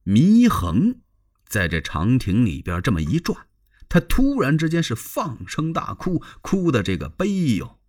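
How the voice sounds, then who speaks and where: Husky guy telling an old-school story, voice swooping up and down, chatty asides. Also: mid-range voice, wildly swooping pitch, measured pace, a little mellow. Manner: dramatic, conversational with asides to the audience. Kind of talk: traditional storytelling performance.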